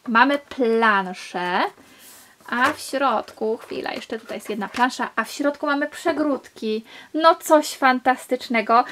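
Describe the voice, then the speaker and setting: A woman with a somewhat high voice reviews a children's board game, explaining each step with open enthusiasm. She talks while handling cardboard pieces, and a faint hiss and small clicks sit under her voice. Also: fairly bright tone.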